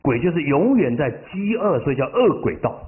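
Animated male preacher, tinny sound. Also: a little high. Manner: drawn-out emotional phrase endings. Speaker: Buddhist master. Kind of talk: sermon with storytelling.

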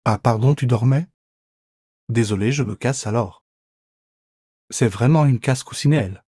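A man's voice: medium pitch, a little slow, warm tone, husky, no echo, studio quality. A man voicing a cheeky, boastful pet ferret in a playful, mock-dramatic comic voice-over.

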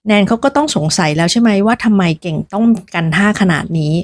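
A woman's voice: mid-range voice, expressive, fast talker, no room sound, studio quality, lightly acted. A woman doing a stern, scolding boyfriend. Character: stubborn older boyfriend, scolding and dismissive.

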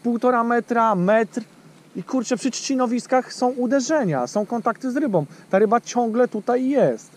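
A man in his thirties hosts a casual fishing vlog from a small boat on a lake, chatting with his friend and talking straight to viewers with lots of fillers. His very high, a little mellow voice moves at a moderate pace with lively intonation, and the action camera on the boat picks up a little hiss or hum.

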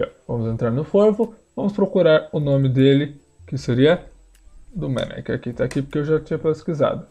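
A man, teaching pronunciation in a screen-share lesson, repeating words slowly for learners. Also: fairly high pitch, warm tone. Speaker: language teacher.

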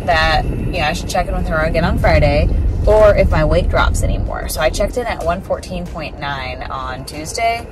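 A woman's voice: lowish voice, normal speed, music in the background, poor audio. A woman in her thirties chatting casually to camera from a parked car, rambling with lots of "like" and "um". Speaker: vlogger, bikini competitor. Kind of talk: casual vlog chat. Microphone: phone camera on dashboard. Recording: loud car and outdoor noise.

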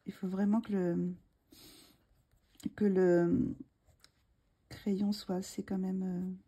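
Woman, coloring tutorial host, dark husky voice, hesitant, fillers, slight frog in throat. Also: medium pitch, little pitch movement, extremely slow, highs cut off. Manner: hesitant, many fillers and restarts, murmurs asides while working. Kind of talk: casual tutorial talk while drawing.

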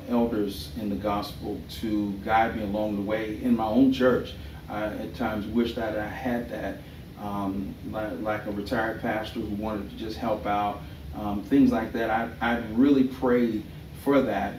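A middle-aged man giving a thesis defense presentation in a hesitant, halting way, often rephrasing himself. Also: lowish voice, a little mellow. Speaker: doctoral candidate and pastor. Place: small indoor meeting room. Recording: roomy, distant mic with background noise.

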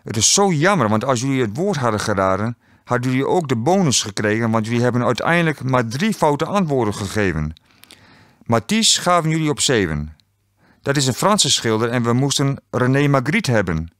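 A man's voice: mid-range voice, very animated, fairly quick, a bit bright, dry recording, clean studio sound. A man voicing a chirpy middle-aged female quiz show hostess in an audiobook, teasing and laughing. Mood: sing-song teasing.

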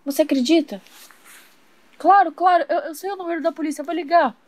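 A woman's voice: very high-pitched, a little fast, background noise, pitched above the performer's own voice. A woman voicing an eager, earnest young girl in a toy doll soap opera.

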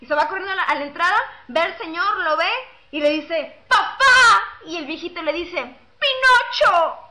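High-voiced young Mexican woman chatting. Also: fairly even intonation, fast, pushed and bright. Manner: chatty, slangy, reads out fan messages. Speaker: singer chatting with fans. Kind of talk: casual webcam chat, telling jokes and singing. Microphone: webcam mic.

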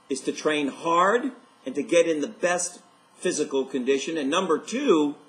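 A man's voice: a little high, fairly bright tone. A man in his fifties, a life coach hosting a motivational video message, speaking upbeat and enthusiastic straight to camera from his living room.

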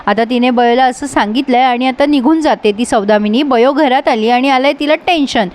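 Woman narrator, high voice, brisk casual serial recap. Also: a little mellow. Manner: brisk retelling that quotes dialogue.

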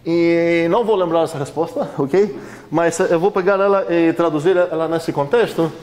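A man's voice: a little high, moderate pace, a little mellow. A man lecturing a university class in a conversational way, questioning the students often, with many fillers.

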